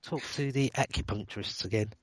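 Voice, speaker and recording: A man's voice: on the low side, a little fast, dry recording. A man co-hosting a podcast, rambling in casual chat while painting miniatures. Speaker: podcast co-host.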